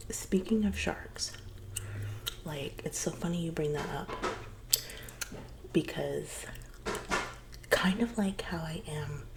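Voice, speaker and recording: A woman doing a whispered role-play as one side of a casual, rambling chat, speaking in a soft, conspiratorial library-style whisper with some low murmured words. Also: takes it slowly, vocal fry, pauses often, heavy background noise.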